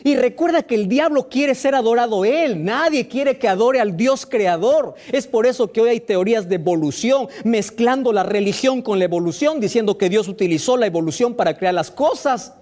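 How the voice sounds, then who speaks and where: A man's voice: extremely high pitch, lively intonation, normal speed, hardly any pauses, a little mellow. A pastor preaching a sermon, firing rhetorical questions at his listeners with emphatic delivery.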